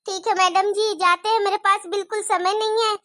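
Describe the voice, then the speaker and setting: A worried young mother in a cartoon story, voiced by a woman, high and bright and close to the mic. She speaks anxiously and dotes on her daughters. The voice is dry and direct. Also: fairly even intonation, a little fast, no echo. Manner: anxious, doting.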